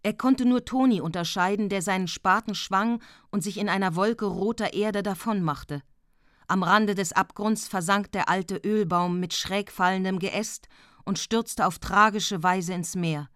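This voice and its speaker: A woman reading a classic novella aloud in a measured, even storytelling voice. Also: mid-range voice, no room sound, studio quality. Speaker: audiobook narrator. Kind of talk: scripted literary narration.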